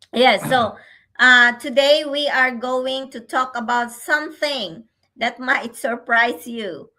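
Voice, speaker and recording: An older grandmother from the Philippines co-hosts a casual business livestream as an online business mentor. Her voice is high-pitched, slow, and sharp in tone, she laughs often and repeats phrases, and the audio is poor.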